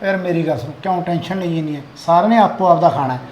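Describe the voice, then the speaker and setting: A man's voice: fairly high pitch, very fast, a little mellow, dull audio, a little hiss or hum, natural voice. A man playing a farmer father who nags his lazy son to get up and work in a family drama. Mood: scolding. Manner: scolding, chiding. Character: farmer father, nagging, easygoing.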